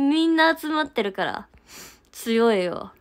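A young woman, congested and nasal from a stuffy nose, chatting casually on a livestream and answering viewers' comments, with soft murmured asides. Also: a little high, animated, slow pace. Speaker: idol livestreamer.

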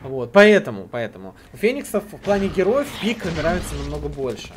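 A man giving live play-by-play esports commentary, with halting phrases as he follows the action. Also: on the high side, big pitch swings. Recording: clear noise, clicks, game sounds.

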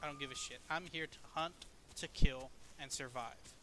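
A man's voice: mid-range voice, fairly even intonation, normal speed, bright, forceful tone, a little hiss or hum. A man giving casual gameplay commentary, explaining things step by step in a laid-back way with plenty of swearing. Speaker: gaming video host.

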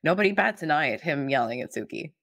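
A woman's voice: low-pitched, quick pace, vocal fry, no echo, clean studio sound. A woman co-hosting a casual podcast, talking animatedly and acting out other people's lines. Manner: animated, acts out characters' lines. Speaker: podcast co-host. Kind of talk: casual chat.

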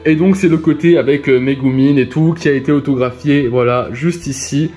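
A man casually showing his convention purchases on camera, chatty and excited, with many fillers and repeated words. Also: mid-range voice, brisk. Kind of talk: casual unboxing vlog.

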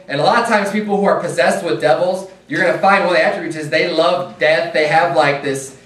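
A pastor preaching a sermon in a loose, conversational way, with fillers and asides. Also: male voice, fairly high pitch. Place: church sanctuary. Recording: echoey room, mic at a distance.

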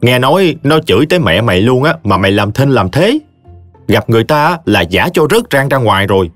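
A man's voice: mid-range voice, sing-song, fairly quick, no echo, faint music behind, pitched above the performer's own voice, natural voice. A man voicing a stern male village teacher who lectures his friend scornfully. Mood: scolding.

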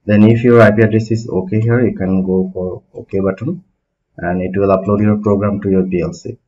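Male tutor in his thirties, low and steady, explains hands-on lessons on a muffled home mic. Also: fairly quick. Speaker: automation instructor. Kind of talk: screen-recorded technical tutorial. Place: small room at a desk. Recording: dull lo-fi home recording.

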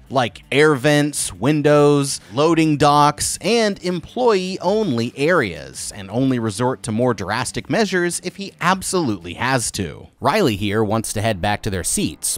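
A man narrating a movie recap in a scripted, conversational style. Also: on the high side. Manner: animated, conversational commentary.

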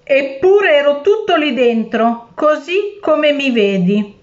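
A cruel, tricky male genie from a spoken storybook, as a woman reader puts him on. The voice sits somewhat high and unhurried, threatening one moment and wheedling the next. The recording sounds a little dull and lo-fi. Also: animated. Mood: menacing.

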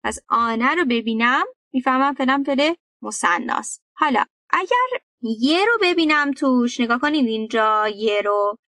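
A woman with a Persian accent teaches a grammar lesson in a bright, higher voice, lively and emphatic, reciting verb forms one after another. The sound is dry, with the mic set a little away from her. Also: no room sound, far from the mic. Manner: lively and emphatic, addresses students directly, recites verb conjugations. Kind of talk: online video lesson.

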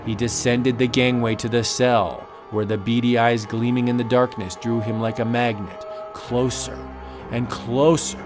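A man's voice: mid-range voice, level tone, measured pace. A man narrating a vintage horror comic in a dramatic, suspenseful audiobook style. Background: faint music.

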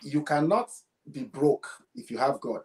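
A woman's voice: low voice, lively intonation, unhurried, darkish tone. A woman co-hosting a faith talk show, speaking emphatically in a preaching tone. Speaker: co-host.

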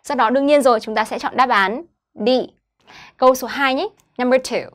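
A woman teaching an online English lesson, slowly modeling each English word and then explaining it to schoolchildren. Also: fairly high pitch. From Vietnam.

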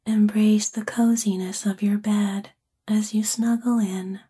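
Guiding a sleep meditation in an ASMR-like manner, a woman uses a soft, breathy whisper that is gentle and soothing. The voice is mid-range with fairly even intonation, and the pacing is unhurried.

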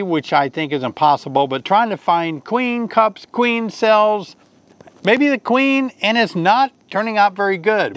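Chatty and given to asking viewers questions, an older man gives beekeeping instruction in a casual vlog. His voice sits high with a fairly bright tone, and the recording is dry. He starts outdoors by a hive and moves to a covered porch.

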